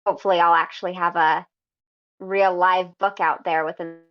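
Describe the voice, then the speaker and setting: Thoughtful woman guest chatting about her writing, relaxed and unhurried, muffled lo-fi audio. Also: fairly low pitch. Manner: unhurried, thoughtful, frequent ums. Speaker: guest fanfiction writer. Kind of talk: casual podcast interview. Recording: slightly dull lo-fi audio.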